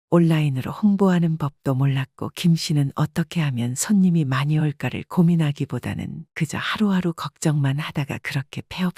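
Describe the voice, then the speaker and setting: A storyteller giving a measured, scripted audiobook narration in an even delivery. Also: mid-range voice, slightly rough, no echo, clean studio sound.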